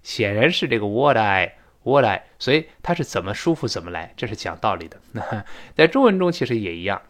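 A man teaching spoken English in Chinese, explaining pronunciation and acting out sounds and sighs. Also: fairly low pitch. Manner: lively, demonstrates pronunciation with drawn-out sounds. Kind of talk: spoken English lesson podcast.

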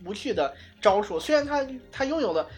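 Fast-talking woman podcast co-host. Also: medium pitch, big pitch swings, darkish tone, soft background music. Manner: quick, fluent, analytical talk with frequent restarts. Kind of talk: casual podcast chat.

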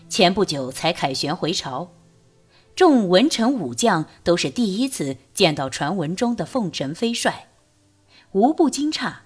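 A woman narrating a novel as an audiobook, reading in a lively, expressive storytelling way. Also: fairly low pitch, husky.

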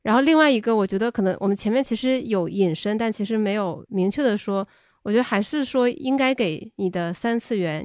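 A woman's voice: medium pitch, darkish tone, no room sound, clean studio sound. A woman hosting a podcast, chatting in a thoughtful, agreeable way. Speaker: podcast host. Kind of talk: casual conversation.

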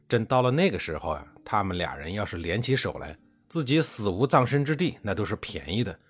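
A male history storyteller with a low, husky voice that rises and falls expressively. He narrates in a chatty, colloquial way, stretching out the ends of his phrases. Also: very animated. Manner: colloquial, chatty, with drawn-out particles.

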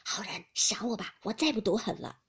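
A woman's voice: medium pitch, expressive, brisk, fairly bright tone, slightly rough. A woman doing a wheedling young nobleman. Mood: coaxing.

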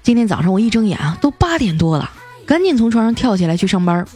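A woman's voice: medium pitch, sing-song, quick pace, mellow, breathy edge, soft background music. A young woman hosting a comedy show, telling scripted jokes with playful punchline timing. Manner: playful, punchline-driven delivery. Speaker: comedy podcast host. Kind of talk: scripted comic storytelling.

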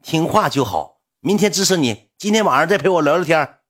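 A man voicing a possessive online patron who coos in falsetto baby talk. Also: expressive, fairly quick, fairly bright tone. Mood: cooing.

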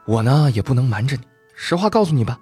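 A man's voice: mid-range voice, sing-song, quick pace, darkish tone, slightly rough, soft background music. A man voicing a scheming young scholar who stammers through apologies to his lover. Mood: sheepish.

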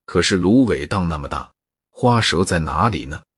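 A man narrating a folk tale in a steady, even storytelling manner. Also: sits low, normal speed, breathy edge, no echo, studio quality.

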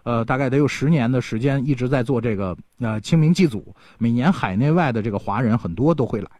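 A man's voice: medium pitch, quick pace, dry recording, studio quality. A man hosting a casual radio interview, telling things in a chatty way with playful exclamations. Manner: animated storytelling with playful local exclamations. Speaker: radio host interviewing guests.

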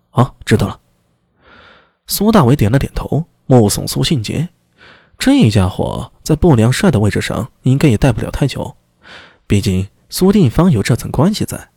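A man narrates a serialized story in an expressive, conversational way. His voice is husky and animated in pitch. The recording is dry and close to the mic. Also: no echo. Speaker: audiobook narrator.

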